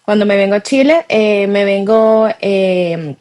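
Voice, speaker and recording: A woman in her forties with a Venezuelan accent talks through her career as an interview guest. Her voice sits at a middle pitch. She speaks in a measured way, pausing often with hesitant fillers. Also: a little mellow. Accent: Venezuelan Spanish. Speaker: guest, tech director. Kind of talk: conversational interview answers.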